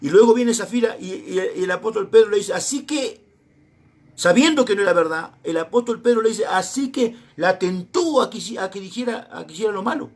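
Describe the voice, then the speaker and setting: A middle-aged Argentine man preaches in a strikingly high voice for a man. He tells a personal testimony as a sermon and acts out the conversations in it, voicing each side in turn. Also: brisk. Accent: Argentine Spanish. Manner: storytelling, acting out both sides of dialogues.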